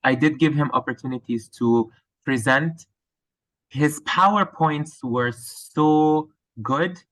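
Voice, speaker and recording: This low-quality clip has a male teacher with a Lebanese accent working through interview questions slowly and thoughtfully, his voice a little high and fairly bright. He stumbles frequently, using many fillers and starting over.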